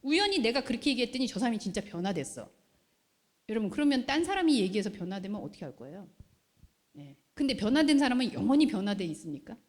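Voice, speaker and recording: A woman pastor preaching a sermon in a lively way, often putting questions to the congregation. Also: a little high, fast. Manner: animated, asks the congregation questions. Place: church hall. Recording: long hall reverb.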